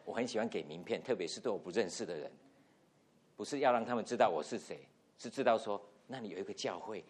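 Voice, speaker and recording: A middle-aged man, a pastor, telling a lively story in a sermon and acting out the dialogue, with English words mixed into his speech. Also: fairly low pitch, fast talker, slightly rough. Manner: animated anecdote with acted-out quotes, code-switching English words.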